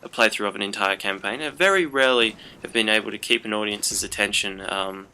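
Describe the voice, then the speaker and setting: Young male gaming host, very bright and forceful tone, chatty and meandering delivery. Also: on the low side, fairly quick, clear, resonant tone. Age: young adult. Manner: rambling, chatty storytelling with many fillers. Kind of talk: casual commentary over gameplay.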